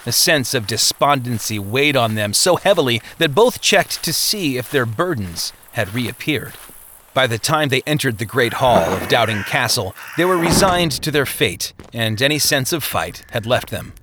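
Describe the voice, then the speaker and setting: A man narrating a novel in a steady storytelling manner, lightly voicing the characters' lines. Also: mid-range voice, moderate pace, noisy background. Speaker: audiobook narrator.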